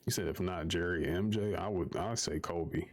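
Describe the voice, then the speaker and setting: A man with a low, deep voice rants on a live stream. He swears freely and circles back on his points in exasperation, talking casually to his viewers. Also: moderate pace. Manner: profane, exasperated, repeats himself while arguing.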